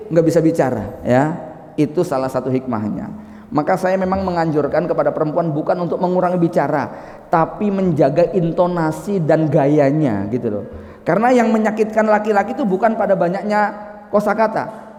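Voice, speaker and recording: A man's voice: on the high side, a little mellow. Man, preacher, conversational sermon, acts out examples, echoey mosque hall.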